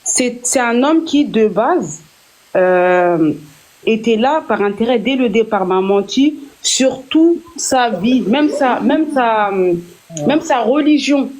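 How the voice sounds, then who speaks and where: Young woman, France, live-stream guest; earnest casual chat, slightly high voice, lots of restarts. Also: lively intonation, slow, a little mellow, a little hiss or hum. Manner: candid, earnest, many restarts and fillers.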